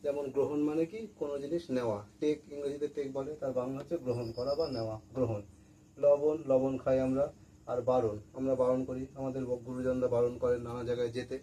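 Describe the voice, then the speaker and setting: A man's voice: mid-range voice, steady tone, quick pace, dark tone, rough recording. A man teaching a lesson to school students, patiently repeating words and asking questions he then answers himself. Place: room with a board. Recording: faint background noise.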